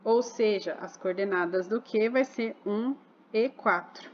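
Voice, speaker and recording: Slow, patient woman teaching math. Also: mid-range voice, lo-fi sound. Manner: patient, asks rhetorical questions to the class. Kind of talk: explaining a math exercise.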